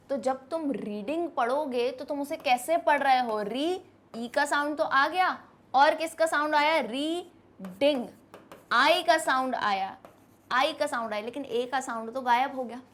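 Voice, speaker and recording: High-voiced Indian woman teaching. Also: measured pace. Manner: lively, asks questions to students, mixes Hindi and English. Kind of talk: classroom lesson explanation.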